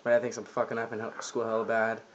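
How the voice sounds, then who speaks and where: A teenage boy with tobacco tucked in his lower lip, chatting in a loose, slangy, laid-back way while co-hosting a casual home video review, recorded on a camera turned to face him. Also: monotone, quick pace, slight background noise. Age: teens. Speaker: co-host of a dip review channel. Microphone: camera flipped to face them. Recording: dull lo-fi home camera audio.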